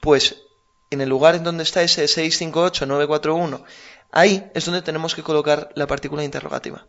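A man teaching a language lesson, patiently drilling pronunciation slowly. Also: a little high, fairly even intonation, gravelly, fairly bright tone, muffled recording. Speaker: Chinese teacher.

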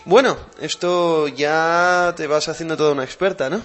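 A man hosting a language lesson podcast, explaining slowly and patiently and repeating words for practice. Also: on the high side, a bit bright. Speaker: language teacher and podcast host.

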